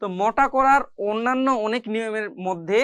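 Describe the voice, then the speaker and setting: A woman teaching Quran reading in a slow lesson, patiently repeating each syllable in drills. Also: on the high side, a bit bright, clean tone, no echo, clean studio sound. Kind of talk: slow step-by-step recitation lesson.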